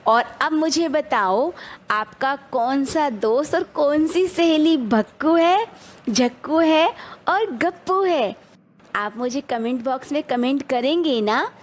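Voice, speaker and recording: A woman's voice: high voice, animated, slow pace. A woman teacher explaining a children's poem to young pupils, going over word meanings and asking viewers to answer questions in the comments.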